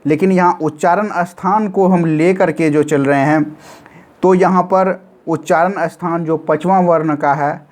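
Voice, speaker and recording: A man teaching grammar in a recorded lesson, chanting short memory formulas slowly and repeating each one many times. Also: on the high side, steady tone. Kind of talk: classroom-style recorded lesson.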